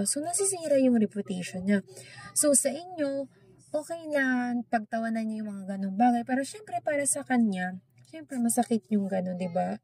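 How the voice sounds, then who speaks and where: A woman's voice: fairly high pitch, a little mellow, husky, dry recording. A young woman with a Filipino accent, giving an informal lesson in a chatty way and often adding tag questions. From Philippines. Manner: conversational, frequent tag questions. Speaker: teacher. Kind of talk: informal lesson talk, mixing English and Filipino.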